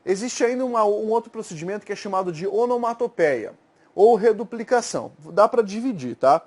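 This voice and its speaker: A Brazilian man teaching Portuguese grammar in a recorded exam-prep lecture. He explains step by step, keeps checking in with "tá?" and "certo?", slows down to spell out example words, and slips into slang now and then. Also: high-pitched, animated, a little mellow. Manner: slangy and informal at times.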